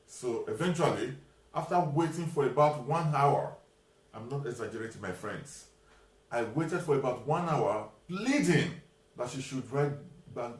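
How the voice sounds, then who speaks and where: A man's voice: mid-range voice, roomy sound. A man telling a personal story straight to camera, acting out both sides of an argument as he retells it. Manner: animated retelling, acts out both sides of a dialogue. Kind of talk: storytelling monologue.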